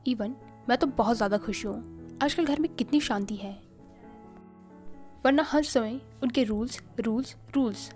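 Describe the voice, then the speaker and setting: A cheeky, spoiled young sister from a read-aloud story, voiced by a woman. She sounds playful and pouty in a fairly high voice, over faint background music. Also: a little slow, pauses often, darkish tone, lightly acted.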